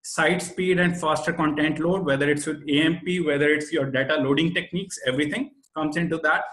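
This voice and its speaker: A man with an Indian accent presents a webinar in a fairly high voice. He explains things didactically and leans on his key points. The sound is noticeably roomy and echoey. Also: fairly even intonation, a little fast, a bit bright. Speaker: webinar presenter, SEO expert.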